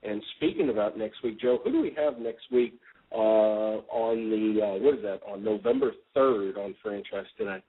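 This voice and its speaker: A lower-voiced man hosts a casual talk radio show, drifting through his thoughts with plenty of ums and uhs. The sound is tinny and narrow, like a phone line. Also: moderate pace. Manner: relaxed, rambling, frequent ums and uhs. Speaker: podcast host.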